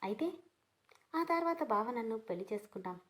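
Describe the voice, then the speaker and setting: A woman's voice: on the high side, expressive, fairly quick, a bit bright. A woman voicing a coy, scheming younger sister in a read-aloud story, sweet-talking and needling.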